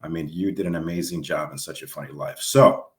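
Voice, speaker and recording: A man's voice: very deep voice, fairly quick, roomy sound. A man hosting a casual interview, upbeat and often repeating words for emphasis. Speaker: host and filmmaker.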